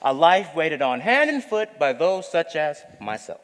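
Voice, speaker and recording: A man's voice: a little high, a little slow, in a large hall. A man playing a cheeky, mocking manservant. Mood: teasing. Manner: teasing, mock-flattering, playful. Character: cheeky, sly male manservant.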